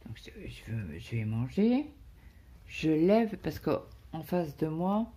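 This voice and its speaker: A woman's voice: low-pitched, sing-song, slow, mellow, breathy edge. A woman chatting casually to her viewers about her day, rambling, with many fillers and restarts. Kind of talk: casual personal chat to viewers.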